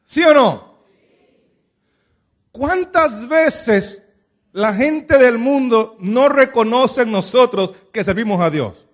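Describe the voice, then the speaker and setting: Pastor, male, high voice, sermon delivery built on rhetorical questions. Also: animated, slow, pauses often. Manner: preaching with many rhetorical questions.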